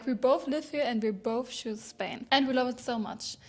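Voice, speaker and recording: A young German woman speaking English as a second language in an upbeat, enthusiastic way. Her voice is slightly high. Her wording has the small slips of a non-native speaker. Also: normal speed. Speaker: co-host. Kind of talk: casual chat.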